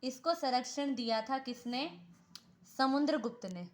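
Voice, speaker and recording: In a high, slightly slow voice, a woman leads an exam-prep history lesson, posing questions and answering them herself. She repeats key names, says "theek hai" often, and makes small self-corrections.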